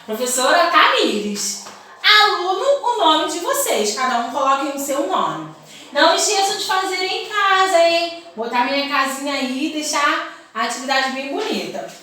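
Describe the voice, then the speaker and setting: Brief: woman teacher, high bright voice, for small children, recorded a little off-mic in a very echoey room. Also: very animated, recorded from a distance, slight background noise. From Brazil. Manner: sing-song teacherly tone, stretches words slowly syllable by syllable. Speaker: primary school teacher. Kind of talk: recorded remote lesson for young children.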